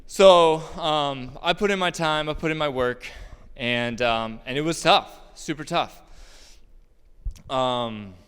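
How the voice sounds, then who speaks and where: A man tells a personal story about his roofing work in a relaxed, joking way, full of ums and laughs. His voice is smooth and resonant at a middle pitch. A long hall reverb follows his words. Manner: casual, joking, many fillers and laughs. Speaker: roofer telling a personal story. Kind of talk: personal storytelling talk on stage.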